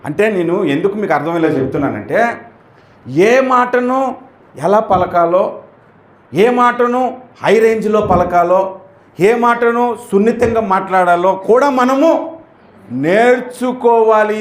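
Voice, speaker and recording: Man, pastor, emphatic sermon, high voice, echoey hall. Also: animated, a little slow, pauses often. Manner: emphatic preaching, acting out prayers and rebukes. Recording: echoey room.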